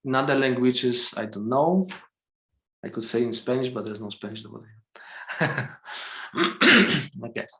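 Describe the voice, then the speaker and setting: A man leading a calm guided meditation over a video call, speaking English with non-native phrasing and checking in gently with a soft "okay?". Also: medium pitch, a little slow, long pauses. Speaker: meditation teacher. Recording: roomy video call sound.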